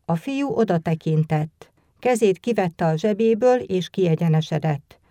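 A woman narrating a literary story aloud at a calm, measured pace. Her voice is warm and mellow, and the recording is close and dry with no room echo. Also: on the low side.

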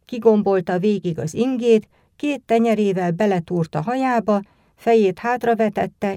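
A woman calmly reading a literary short story aloud in a measured narrating voice. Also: medium pitch, no room sound, studio quality.

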